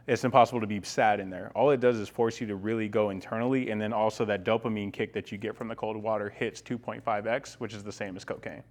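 Young adult male guest coach, fairly deep voice, enthusiastic, conversational explainer. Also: steady tone, fast talker, few pauses. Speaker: guest, ice bath workshop coach. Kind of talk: casual explanatory interview talk.

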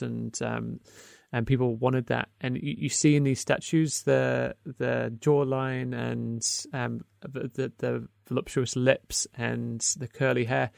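A man's voice: medium pitch, gravelly, no echo, clean studio sound. A man co-hosting a podcast, talking casually and hesitantly about a film, with many ums and restarts. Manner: hesitant, full of ums and restarts, laughs often. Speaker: podcast co-host.

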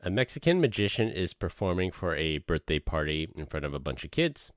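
A man's voice: low voice, very animated, a little fast, no room sound, studio quality. A man telling jokes and bantering casually as a podcast co-host.

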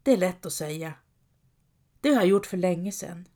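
A woman reading a gloomy, reluctant squire who keeps complaining about his lot. his voice is mellow and soft-toned. it sounds like a storybook read aloud. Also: on the low side, lively intonation, natural voice. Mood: mournful. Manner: plaintive, complaining. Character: gloomy downcast male squire, weary and reluctant.

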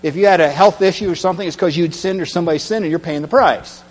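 A man preaching a sermon, retelling a story dramatically and swinging from hushed tones to loud cries. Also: high voice, fast talker. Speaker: pastor. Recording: long hall reverb with mains hum.

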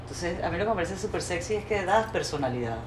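A woman's voice: fairly low pitch, expressive, fast talker. A woman hosting an interview, effusive and opinionated, talking in long flowing sentences. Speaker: interviewer host. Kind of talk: casual interview chat. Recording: echoey room with faint ambient noise.

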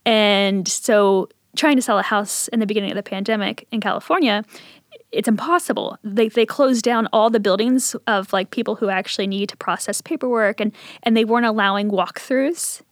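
Speaking at a normal speed in a mid-range voice, this thirty-something interview guest shares personal stories in a relaxed, conversational way. She grew up in southern Ohio's Appalachian region before moving to Richmond, Virginia, and the recording has no room sound.

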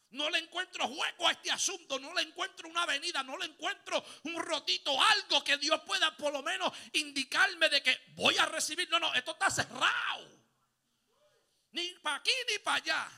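A man preaching a Pentecostal sermon, calling on the congregation to repeat after him, mixing in English exclamations and building to shouts. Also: very high-pitched, gravelly. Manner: call-and-response preaching, rising to shouts. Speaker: pastor.

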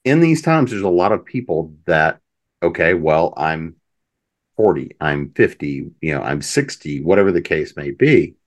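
Very deep-voiced male podcast host. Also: sing-song, a little slow. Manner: rambling, reflective, repeats words as he starts sentences. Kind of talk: casual podcast conversation.

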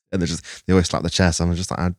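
A man's voice: deep voice, level tone, fast, no room sound, studio quality. An English man, a videographer guest, chatting casually and rambling on a podcast, swearing now and then. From England.

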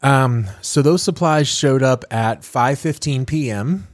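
A man's voice: mid-range voice, slow pace, dry recording, clean studio sound. Just-woken male podcast co-host. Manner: rambling storyteller with fillers. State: just woke up, groggy. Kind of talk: casual podcast chat.

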